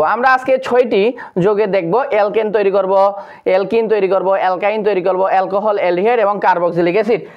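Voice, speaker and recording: A teacher giving a chemistry lesson to secondary students. The teacher recites long lists of compound names in a steady drill, pauses often on fillers, and addresses viewers as friends. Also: mid-range voice. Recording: dull lo-fi recording.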